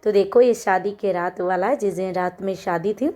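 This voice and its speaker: A young woman talks over her own wedding footage in a relaxed, chatty way. She laughs lightly as she walks through each custom, like she is telling a friend. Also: medium pitch, moderate pace. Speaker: vlogger. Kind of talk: casual vlog voice-over.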